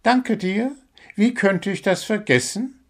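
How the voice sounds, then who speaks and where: A tiny bird football coach with a shrill, piping voice that scolds his team sharply and mocks them with sarcasm. He speaks loudly and firmly, high above a normal speaking voice, in a storybook reading. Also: slow pace. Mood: scolding.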